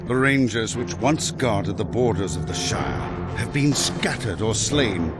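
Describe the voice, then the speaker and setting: A man narrating a fantasy game cutscene in a grave, measured voice, with loud orchestral music behind him. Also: fairly low pitch, animated. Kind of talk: scripted narration.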